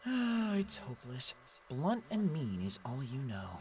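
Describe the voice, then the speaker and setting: Very animated, cheeky teenage boy. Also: mid-range voice, a little slow. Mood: exasperated. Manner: casual, animated. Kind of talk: anime game voice acting. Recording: music behind the voice.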